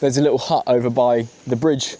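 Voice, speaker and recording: A man's voice: mid-range voice, fairly even intonation, fairly quick, dark tone. A British man chatting casually and jokily as he vlogs from an outdoor camp. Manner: jokey, matey. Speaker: camping vlogger. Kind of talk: casual vlog chat while cooking outdoors. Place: outdoors at a campsite.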